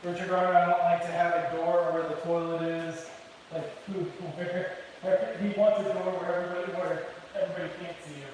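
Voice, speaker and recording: A man's voice: a little high, little pitch movement, fairly quick, darkish tone. A man co-hosting a casual live stream, offhandedly reading viewer comments aloud inside an empty new house. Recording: distant echoey voice with hiss.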